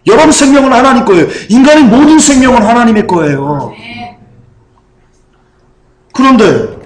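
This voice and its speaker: A male pastor delivers a fervent sermon in a high voice. He swings widely in pitch and keeps firing questions at the congregation. The sound carries through an echoey church hall. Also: expressive, moderate pace.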